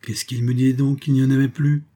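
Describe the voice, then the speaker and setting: A man playing a boastful, excitable lion hunter. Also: medium pitch, moderate pace, close to an everyday voice. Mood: startled. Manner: exclamatory, indignant outbursts.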